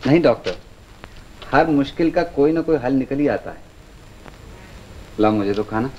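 An actor plays a kindly older man in an old film drama, steady and reassuring. The sound is dull and lo-fi, with a faint hiss underneath. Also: medium pitch, moderate pace, close to an everyday voice. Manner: calm and reassuring.

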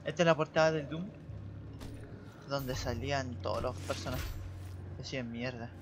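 A man's voice: mid-range voice, moderate pace, background noise. A man hosting a gaming video, commenting casually and informally on his play, with muttered reactions. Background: video game music.

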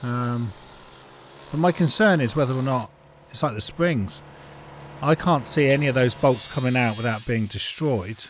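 A middle-aged home mechanic talks casually and frankly while working on a car in an indoor garage, thinking aloud with plenty of fillers. His voice sits in the mid range and moves at a moderate pace. Faint noise and the click of tools come through on the recording.

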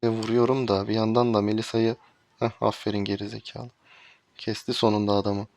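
A man's voice: fairly low pitch, little pitch movement, fairly quick, gravelly, darkish tone, no echo. A man streaming a mobile game, commenting live and getting exasperated with his teammates.

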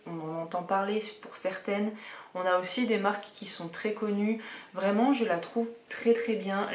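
A woman chatting casually through a beauty box unboxing, enthusiastic and full of hesitations. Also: mid-range voice. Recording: roomy echoey room.

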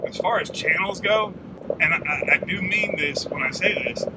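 Man talking in a noisy moving truck. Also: high-pitched. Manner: rambling, relaxed, with restarts and drawn-out pauses; talks while smoking a pipe. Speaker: vlogger. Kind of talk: casual video reply. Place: inside a pickup truck, driving. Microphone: phone or camera mounted on the dashboard. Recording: loud road and engine noise.

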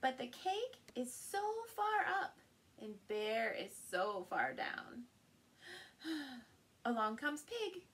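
Reading a picture book very slowly for young listeners, a middle-aged storyteller and channel host uses her fairly high voice expressively. She's animated, playing up sound words and exclamations, and she's in a small furnished room indoors.

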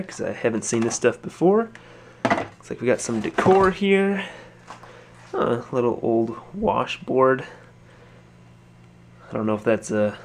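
Sorting through totes in a cluttered stock room, a resale store owner muses aloud in a creaky, mid-range voice with slight background noise. It's a casual narrated unboxing vlog recorded on a handheld or head-mounted camera.

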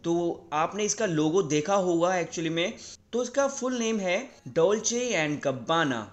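High-voiced Indian man teaching pronunciation. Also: lively intonation. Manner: repeats words slowly, often asks "right?". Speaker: English teacher. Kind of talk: casual video lesson.

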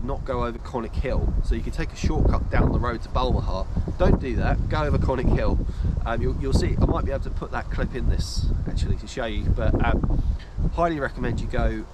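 A man's voice: medium pitch, fairly quick, few pauses. A man in his thirties casually giving hiking tips to camera outdoors, rambling with lots of fillers and restarts. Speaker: hiking vlogger. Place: outdoors in a windy park by a tree. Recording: loud wind buffeting the mic. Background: loud wind noise.

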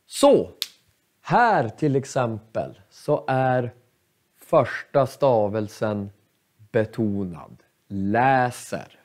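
Male language teacher with a lively, up-and-down delivery, slow and patient, repeating example words for students. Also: a little high. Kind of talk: explaining pronunciation lesson.

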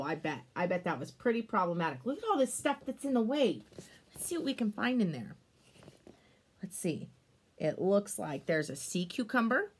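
Reading a picture book to kids, this thirties-aged woman sounds lively, exclaiming often and chatting in explanatory asides. Her voice sits on the low side and has a husky quality.

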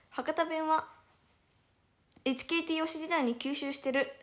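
An idol livestreamer, a young woman with a Hiroshima accent, chats casually on her stream in a high-pitched, steady voice at a measured pace. She giggles often and answers viewers' comments one by one.

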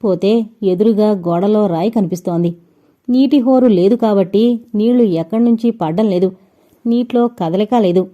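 A woman voicing a confident young man who leads his friends through a cave, giving calm, commanding instructions. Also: mid-range voice, normal speed, highs cut off, close to an everyday voice.

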